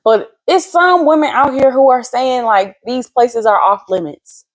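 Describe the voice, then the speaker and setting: A woman co-hosting a podcast, chatting casually in a playful, animated way and stretching words out for effect. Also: high-pitched, measured pace. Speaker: podcast co-host. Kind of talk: casual chat.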